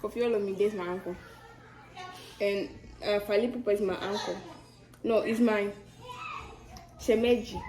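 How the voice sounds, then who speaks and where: A woman's voice: medium pitch, steady tone, normal speed, pauses often. A woman in her twenties from Malawi chatting casually over a meal, joking and teasing. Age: 20s. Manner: playful, joking, laughing at her own claims. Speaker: mukbang co-host. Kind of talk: casual chat while eating. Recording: roomy echo.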